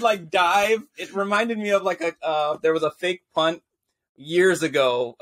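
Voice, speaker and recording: A man's voice: on the high side, fairly bright tone. A man hosting a sports podcast in casual chat, teasing his co-host and steering the talk. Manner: chatty, teasing, steers the show.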